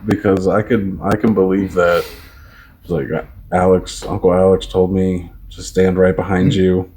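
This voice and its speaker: A man in his thirties with a very low, deep voice, chatting casually as a podcast co-host. He rambles through his points with plenty of fillers and restarts. He often acts out conversations in a louder voice. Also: flat delivery, a little slow, a little hiss or hum. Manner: rambling, filler-heavy, mimics kids loudly. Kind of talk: casual chat.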